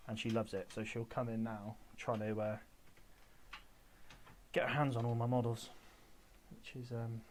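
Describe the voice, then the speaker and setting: A man's voice: medium pitch, little pitch movement, a little slow, long pauses, a little hiss or hum. A man in his twenties chatting casually while painting models on a hobby stream, rambling and correcting himself as he goes. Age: 20s.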